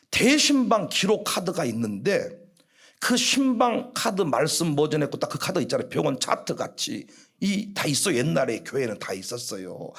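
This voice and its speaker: A middle-aged male pastor with a Jeolla accent, preaching a fiery sermon in a church and breaking into loud, acted-out scoldings. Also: high voice, husky. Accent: Korean, Jeolla region. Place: church sanctuary.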